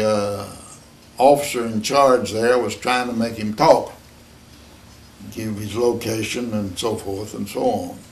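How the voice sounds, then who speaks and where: Slow, elderly American veteran remembering. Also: male voice, fairly low pitch, a little mellow. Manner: halting, plain-spoken, matter-of-fact. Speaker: World War II veteran being interviewed. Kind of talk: old veteran remembering, unscripted recollection.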